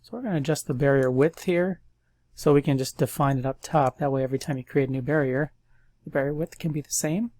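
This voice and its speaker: A man's mid-range voice comes through fast and dry in this casual screen-recorded coding walkthrough. Congested and easygoing, he thinks aloud in a chatty way.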